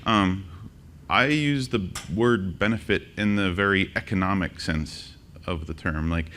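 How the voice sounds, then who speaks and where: A man presenting a conference workshop, joking and quizzing the audience with quick questions. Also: sits low, a bit bright, a little hiss or hum. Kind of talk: interactive conference talk. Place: conference session room.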